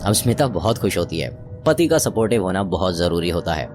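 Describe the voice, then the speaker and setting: A man's voice: low-pitched, big pitch swings, a little fast. Give me a man narrating a horror tale in a dramatic, chatty way over faint music. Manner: conversational, dramatic storytelling. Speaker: storyteller. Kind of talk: Hindi horror story narration.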